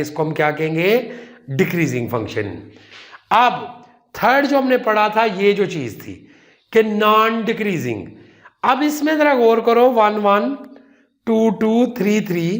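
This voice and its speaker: A man teaching a math lesson, slowly asking and answering his own questions and calling his students "children". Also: high voice. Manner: slow, explains step by step, asks and answers his own questions; calls students "children" and "son". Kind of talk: whiteboard lecture.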